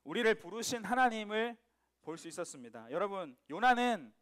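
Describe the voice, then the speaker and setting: A male pastor preaching to teenagers in a lively way, joking and asking his listeners questions. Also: sits high, a little fast. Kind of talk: sermon to teenagers.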